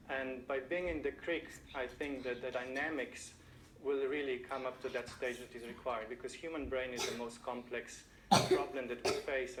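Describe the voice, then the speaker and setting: A male scientist with a Slovenian accent gives interview answers at a medium pitch. He phrases things thoughtfully and haltingly. The recording is roomy and echoey, with faint ambient noise.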